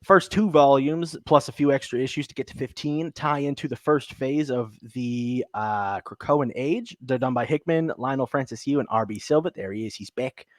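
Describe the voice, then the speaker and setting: A man's voice: medium pitch, normal speed, hardly any pauses, no echo. Upbeat man laughing through podcast chat. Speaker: podcast co-host. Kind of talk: casual chat.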